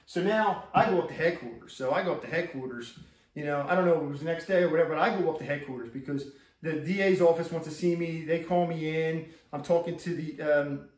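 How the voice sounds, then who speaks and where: A middle-aged police officer talks quickly and rambles through his account. He keeps repeating himself and restarting his sentences. He sits a fair way from the mic in an echoey room. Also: a little high, far from the mic. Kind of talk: casual first-person account.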